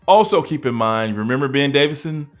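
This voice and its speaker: A man commentating over a boxing video in an animated way, full of rhetorical questions and chuckling asides. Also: mid-range voice, a little fast, soft background music.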